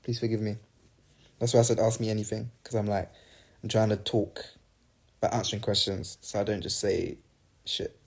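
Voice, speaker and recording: A man's voice: lowish voice, flat delivery, normal speed, gravelly, pauses often. Young man chatting on a phone livestream. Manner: reads fan questions aloud, rambling and playful. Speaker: singer answering fans on a livestream. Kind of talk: casual livestream Q&A.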